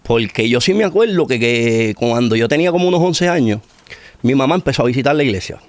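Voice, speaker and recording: In a dry recording, a middle-aged man with a Puerto Rican Spanish accent talks fast and animatedly, telling his personal testimony as a guest in conversation. He is from Puerto Rico, has a mid-range voice, and repeats phrases to emphasize them.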